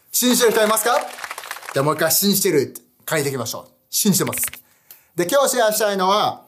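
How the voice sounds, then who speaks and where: High-voiced animated young pastor. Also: male voice, slight background noise. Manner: animated, chatty, asks the audience questions. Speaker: youth pastor. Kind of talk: casual online sermon.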